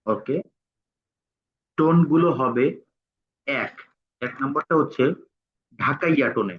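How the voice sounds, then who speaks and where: A man's voice: medium pitch, lively intonation, takes it slowly, breathy edge. Guy teaching a tutorial, spells it out word by word while typing, sounds tinny like a phone line. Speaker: instructor. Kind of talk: screen-recorded tutorial.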